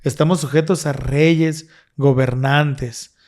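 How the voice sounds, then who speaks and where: A man's voice: fairly high pitch, steady tone, slow pace, a little mellow. A man co-hosting a casual religious discussion, explaining earnestly and restarting his phrases often. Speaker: podcast co-host.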